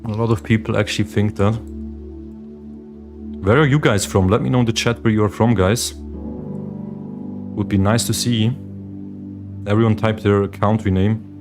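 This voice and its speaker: Meditation music sits behind a young Swiss man hosting a casual livestream, where he chats with viewers and reads their chat questions out. He's a day trader. His voice has a fairly low pitch and fairly even intonation, at normal speed with frequent pauses.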